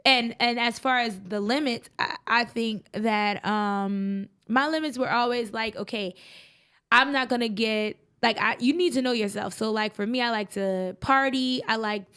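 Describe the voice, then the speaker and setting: A young adult woman co-hosting a podcast, telling travel stories in a chatty, animated way. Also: fairly high pitch, a little slow, clean tone. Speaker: podcast co-host. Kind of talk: casual chat.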